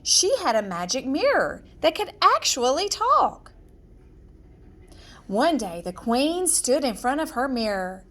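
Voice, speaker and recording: A storyteller reads a children's fairy tale aloud in a high voice full of lively pitch swings. She goes slowly, shaping each part with deliberate, storybook drama.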